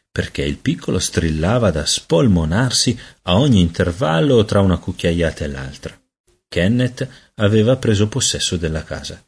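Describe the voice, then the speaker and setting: A man narrating a children's storybook aloud in an expressive storytelling manner. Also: deep voice, breathy edge. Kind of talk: audiobook narration.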